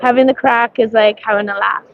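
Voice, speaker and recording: In lo-fi sound, a woman with a slightly high voice, fairly even intonation and a fairly quick pace chats casually on a livestream at a street parade outdoors. Her accent is mixed, her voice scratchy from coughing, and she rambles with many ums while greeting viewers by name.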